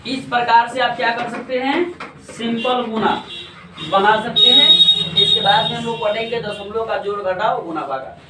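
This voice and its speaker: A man's voice: very high-pitched, very animated, normal speed, very noisy. A man teaching a maths lesson step by step, often asking a question and then answering it himself. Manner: step-by-step explaining, asks and answers his own questions. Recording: echoey room, mic far off, faint ambience.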